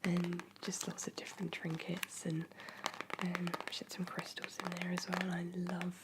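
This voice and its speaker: A woman whispering softly and caringly in an ASMR chat, her throat sore and dry from a cold. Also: fairly low pitch, monotone, moderate pace, very noisy. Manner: soft, intimate, caring whisper. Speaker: ASMR creator. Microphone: close microphone.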